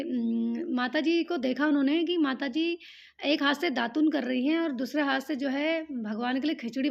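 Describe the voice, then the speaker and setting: A woman's voice: sits high, creaky. A woman telling a devotional temple legend in plain spoken narration with fillers. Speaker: storyteller. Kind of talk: devotional storytelling. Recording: dull lo-fi recording.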